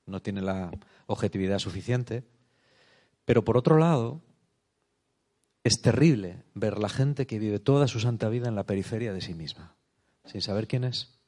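This preacher's voice is fairly low and dark, with lively intonation. His spiritual talk is thoughtful and unhurried, punctuated by frequent "eh?" and "no?" tag questions.

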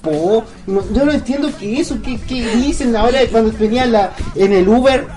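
A performer playing an expressive, playfully confused Mexican man from a ranch, with a Mexican accent, in a comic radio sketch. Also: medium pitch, fairly quick, faint music behind, natural voice. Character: joking Mexican man from a ranch, lost in Chile.

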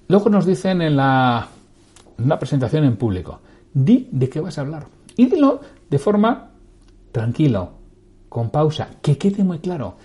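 A sales trainer leads a lesson in a lively, swinging voice that sits a little high for a man. His tone is warm and mellow. He asks rhetorical questions and then answers them himself, speeding up and slowing down on purpose. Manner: animated, shifts pace, pitch and loudness on purpose.

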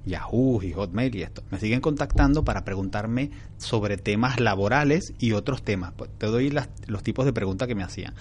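A man speaks as an interview guest, in a calm, frank and reflective way. He tells his story in a relaxed conversational manner. A faint hiss sits under his voice. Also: on the low side, brisk, few pauses. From Venezuela.

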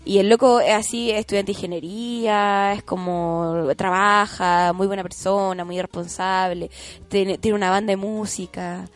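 A woman's voice: mid-range voice, fairly even intonation, normal speed. A young woman with a Chilean accent, hosting a podcast and telling a family story in casual chat, laughing often and acting out the quotes. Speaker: podcast host.

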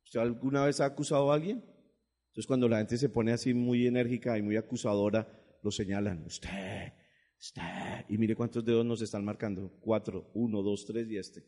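A male pastor preaching a sermon, swinging from loud, emphatic bursts to low, quiet asides. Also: steady tone, a little fast, in a large hall.

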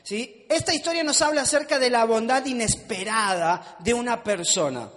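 A man's voice: very high-pitched, lively intonation, moderate pace, fairly bright tone. A male preacher giving a conversational sermon with self-mocking humor, asking the audience questions. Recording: long hall reverb.

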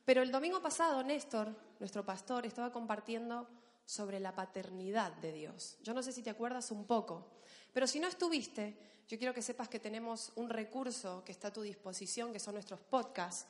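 A woman's voice: a little high, expressive, moderate pace. A woman pastor from Argentina with an Argentine accent, preaching playfully and addressing the congregation directly. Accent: Argentine Spanish. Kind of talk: sermon. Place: church hall. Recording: echoey church hall.

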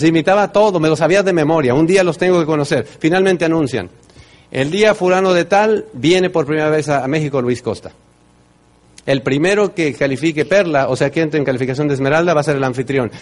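A middle-aged man with a Mexican accent, giving a motivational talk and telling his story, with loud bursts and soft low asides. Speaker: speaker at a business event.

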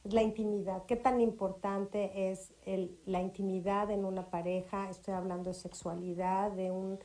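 A woman hosting an interview, asking measured questions. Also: mid-range voice, flat delivery, dark tone, reverberant. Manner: brief affirmations, measured questions. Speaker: host. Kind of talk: conversational interview.

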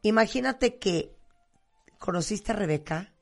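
Teasing, lively host with gravelly voice. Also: mid-range voice, measured pace, faint music behind. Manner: lively, teasing, prompting questions. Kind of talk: casual chat.

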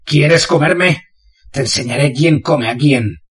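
A man voicing a brutal hulking male convict, shouting menacing commands in a husky voice. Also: fairly high pitch, takes it slowly, recorded from a distance, pitched above the performer's own voice.

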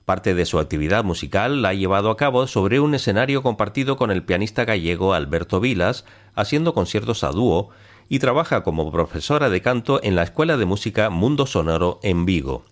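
Low-pitched man presenting a music programme. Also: animated, fairly quick. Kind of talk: scripted music programme narration.

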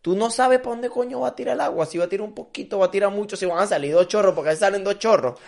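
A man's voice: high voice, fast, vocal fry. A young man with a Venezuelan accent, co-hosting a casual podcast chat, joking and crude. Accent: Venezuelan Spanish. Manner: joking, crude, animated storytelling. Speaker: podcast co-host. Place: living in Madrid.

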